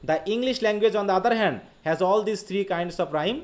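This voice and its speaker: A man with a Bangladeshi accent teaching a live online literature class. He explains quickly, reads English passages slowly and keeps asking his students questions. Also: high-pitched. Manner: quick Bengali explanation, slow read-aloud English quotes, frequent questions to students.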